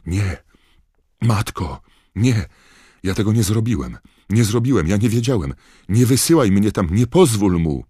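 A man voicing a panicked young man who shouts and begs his father for mercy in an audiobook. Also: lowish voice, lively intonation, a little slow, breathy edge, no room sound, studio quality, voice pushed up. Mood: desperate pleading. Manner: desperate shouting and begging. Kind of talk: audiobook character voice.

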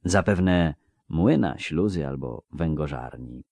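A man narrating an audiobook in an expressive, measured reading. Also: very deep voice, dry recording.

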